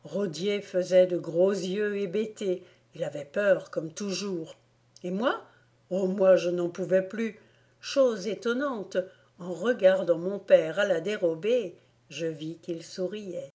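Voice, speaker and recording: A woman reading a storybook aloud as a volunteer audiobook narrator, in a calm, measured manner. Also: on the low side. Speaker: audiobook reader.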